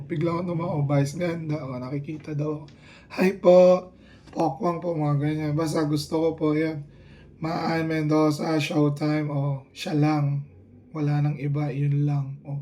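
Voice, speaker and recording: Guy vlogging, rambly and halting, kinda high voice but mellow and dark. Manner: rambling, halting, many restarts. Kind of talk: rambling casual talk to camera.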